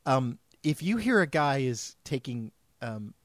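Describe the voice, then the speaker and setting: A man's voice: medium pitch, very animated, unhurried, no room sound, clean studio sound. A man hosting a casual panel discussion. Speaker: panel show host.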